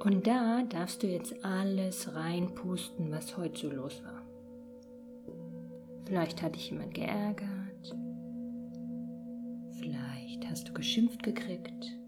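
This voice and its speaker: A woman hosting a podcast and gently guiding a children's sleep meditation in a soft, whispery voice. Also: fairly low pitch. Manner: soft slow whispered guidance. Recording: meditation music and singing bowls behind.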